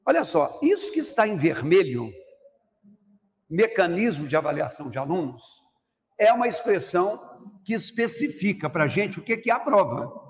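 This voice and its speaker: A man's voice: high voice, big-room sound. A man teaching a grammar lesson for exam prep, explaining step by step and speaking straight to the student. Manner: explanatory, addresses student directly. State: worried about going hoarse. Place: classroom studio with noise from the next room.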